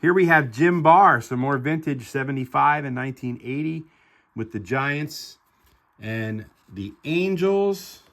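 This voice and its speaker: A middle-aged man with a bright, forward voice talks through his finds in a relaxed show-and-tell style. He sounds upbeat and enthusiastic, tossing in chatty asides as he goes. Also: mid-range voice, unhurried. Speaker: card collector vlogger. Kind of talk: casual show-and-tell narration.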